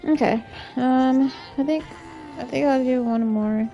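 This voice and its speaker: A woman's voice: high-pitched, unhurried, lo-fi sound, faint music behind. A young woman streamer giving casual gameplay commentary, thinking aloud with hesitant fillers.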